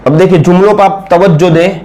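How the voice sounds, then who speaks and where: A man giving a patient, step-by-step lesson on writing letters, drawing out each sound slowly and often checking in with the viewer. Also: high-pitched, steady tone, mellow. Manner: frequent check-ins with the viewer. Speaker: Urdu writing teacher.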